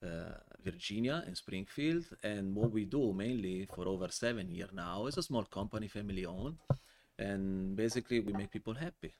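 A man in his forties with an Italian accent and a somewhat low voice. He is a podcast guest who tells animated, joking stories. His English is fluent but not his first. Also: normal speed. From Italy. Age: 40s. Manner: animated, joking storyteller in non-native English. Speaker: guest, wine importer. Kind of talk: casual podcast interview.

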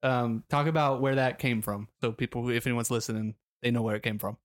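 A podcast co-host in the middle of his usual pitch, steering a loose, friendly conversation. He talks in a relaxed way and swears casually. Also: brisk. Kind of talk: casual chat among friends.

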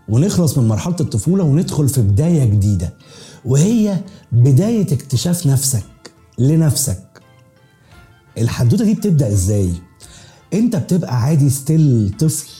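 A young man with an Egyptian accent races through a comic podcast monologue, his voice dark and mellow yet pitched a little high. He tells it in animated, slangy bursts, with faint music under him. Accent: Egyptian Arabic. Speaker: podcast host.

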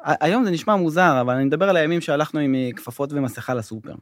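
A man's voice: a little high, no room sound. A middle-aged man telling a story as a guest in a studio interview, hesitant and full of fillers. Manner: hesitant, many fillers and restarts. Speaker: guest, government finance official. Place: podcast studio.

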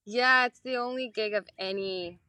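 Bright-voiced young woman, chatty guest. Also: medium pitch, normal speed, clear, resonant tone, dry recording. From Europe, born in Italy, raised mostly in Paris. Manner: chatty, candid, long-winded answers. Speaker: guest musician. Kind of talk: casual podcast interview.

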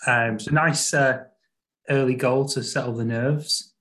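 A man's voice: medium pitch, steady tone, a little slow, fairly bright tone. A man hosting a football podcast in a casual, chatty style. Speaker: podcast host.

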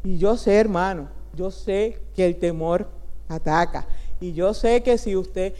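A woman preaching a sermon, fervent in prayer and lively when telling stories. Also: lowish voice, measured pace. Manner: fervent, rising into prayer, then humorous storytelling. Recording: long hall reverb.

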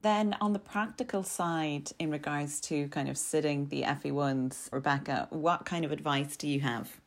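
A woman's voice: low voice, moderate pace. A woman hosting a podcast in a semi-scripted style. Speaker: podcast host.

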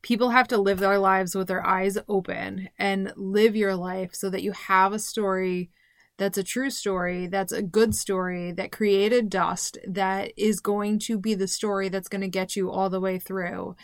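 Woman podcast co-host, enthusiastic, blunt, mid-pitched, dry close sound. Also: level tone, measured pace, no echo. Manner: enthusiastic, blunt, swears freely. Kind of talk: casual book discussion.

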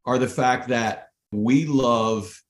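A man who teaches high school, chatting as a podcast guest in a rambling way, full of restarts and "you know". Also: slow, roomy sound. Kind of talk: casual interview chat.

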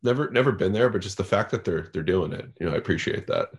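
A man with a very deep voice, talking sports as a podcast guest. He stammers and restarts often, slipping dry jokes into the chat. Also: expressive. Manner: halting, repeats words, dry humor.

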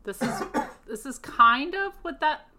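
A woman's voice: high voice, lively intonation, a little slow, noisy background. A woman co-hosting a casual podcast, chatty and agreeable, with lots of "like". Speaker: podcast co-host. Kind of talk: casual chat.

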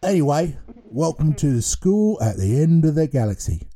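A man voicing a huge baby who runs a school in space, who cries and giggles as he speaks, in a high babyish voice. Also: big pitch swings, moderate pace, mellow. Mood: babyish, weepy. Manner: cries, giggles and burps between lines.

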